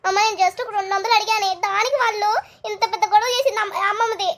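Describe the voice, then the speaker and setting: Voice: fairly even intonation, fairly bright tone. A voice actor playing a whining young grandson who keeps pleading his innocence to his father. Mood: complaining. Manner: whining denials, rapid and high. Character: young adult male grandson, whiny and pleading.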